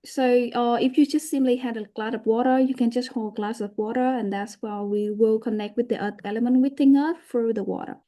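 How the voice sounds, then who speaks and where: Mellow-voiced woman host. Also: a little high, steady tone, fairly quick, few pauses. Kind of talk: casual explanatory talk.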